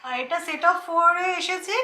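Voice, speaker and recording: A woman's voice: extremely high pitch, slow, bright, forceful tone. A woman vlogger in her thirties chatting casually to viewers about the kitchen items she bought. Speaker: lifestyle vlogger. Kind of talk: casual shopping haul chat. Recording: echoey room, faint noise.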